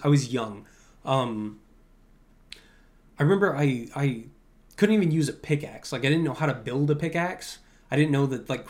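With a medium-pitched, somewhat dark voice, this young adult podcast host takes listener questions in loose, rambling fashion. He keeps it informal and chatty, leaning heavily on "like" throughout.

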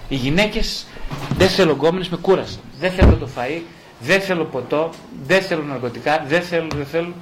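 Animated, fairly high-voiced male therapist. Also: noisy background. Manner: animated storyteller who acts out patients' lines; wry and mocking. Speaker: psychologist and psychotherapist. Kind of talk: conversational explanation in an interview.

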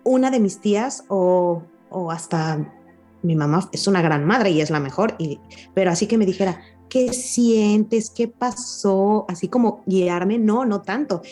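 A woman hosting a casual conversation about parenting, expressive and animated as she recalls family scenes. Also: lowish voice, moderate pace, faint music behind. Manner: expressive, acts out relatives' scolding voices. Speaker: host.

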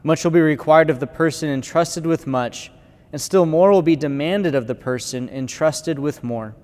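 A man's voice: on the high side, moderate pace. A clergyman reading the gospel and preaching a conversational homily in a church with a cathedral-like echo. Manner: conversational preaching with fillers, bursts of loudness. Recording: long church reverb.

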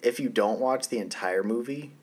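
A man's voice: mid-range voice, normal speed, darkish tone, slightly rough. A man appearing as a guest on a casual podcast, teasing with dry, playful humor.

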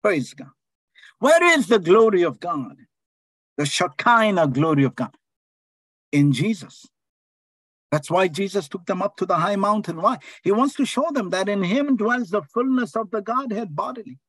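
A man's voice: high-pitched, animated, a bit bright, husky, no room sound. A man preaching a sermon, calling out phrases for the congregation to repeat and stretching out key words for emphasis. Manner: call-and-response preaching, drawn-out emphatic phrases.

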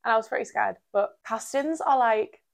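A young woman in her early twenties chats as a podcast guest in a North East English accent from Durham. Her voice has noticeable vocal fry. She talks informally and peppers her sentences with "like". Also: a little high, normal speed. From Durham, England. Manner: chatty, uses "like" constantly. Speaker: podcast guest, part-time model. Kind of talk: casual chat interview.

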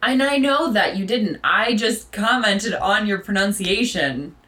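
Brief: female co-host, mid pitch, bright timbre, short affirming replies. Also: expressive, unhurried. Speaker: podcast co-host. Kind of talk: casual chat.

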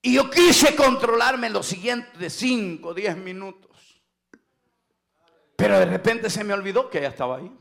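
High gravelly shouting Pentecostal pastor. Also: male voice, expressive, normal speed. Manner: shouting preacher punctuating with "aleluya" and "hermano". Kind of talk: Pentecostal sermon.

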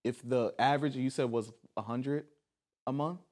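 A man's voice: medium pitch, normal speed, a little mellow. Young man joking as a podcast host. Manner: joking, argumentative, laughs often. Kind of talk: casual chat.

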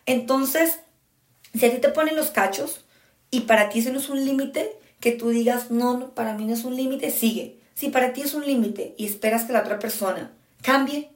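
A woman podcast host giving frank, emphatic relationship advice in a casual monologue, speaking straight to her listeners. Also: on the high side. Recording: echoey room.

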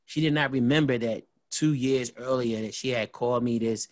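A man's voice: medium pitch, moderate pace, no room sound. A middle-aged man, a podcast co-host telling a personal story with lots of "you know" fillers. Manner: animated storyteller, acts out quoted voices, many "you know" fillers. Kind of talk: storytelling chat.

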